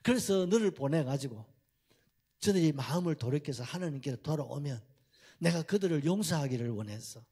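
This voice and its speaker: A man voicing God as a stern, patient figure who rebukes slowly, with a Gyeongsang accent. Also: fairly high pitch, animated, mellow, husky. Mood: reproving. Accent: Gyeongsang Korean. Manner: slow, grave, reproving.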